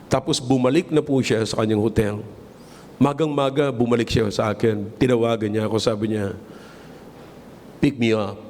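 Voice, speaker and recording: A man's voice: mid-range voice, steady tone, a little fast, a little mellow. A man, a pastor preaching a sermon and telling stories, mixing Tagalog with English and repeating words for emphasis. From Philippines. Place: church hall. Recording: long church reverb, faint room ambience.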